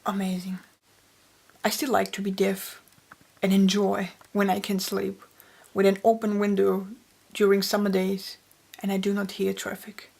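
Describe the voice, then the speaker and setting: A woman, a poet telling her personal story in an interview, gentle and reflective. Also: mid-range voice, monotone, unhurried, gravelly, long pauses, husky. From Austria. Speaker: poet and author.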